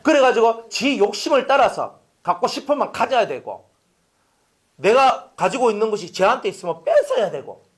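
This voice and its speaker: Man preaching in church; high-pitched, animated, peppers the congregation with questions. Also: moderate pace. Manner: animated, swings from loud to hushed, rhetorical questions to congregation. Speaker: pastor. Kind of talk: sermon. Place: church sanctuary.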